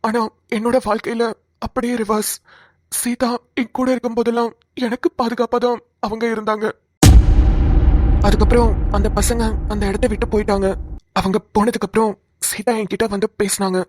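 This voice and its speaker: A woman's voice: on the high side, little pitch movement, normal speed, close to an everyday voice. A woman voicing a shy lovesick young man. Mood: wistful. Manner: soft, hesitant, pleading. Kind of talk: cartoon voice acting.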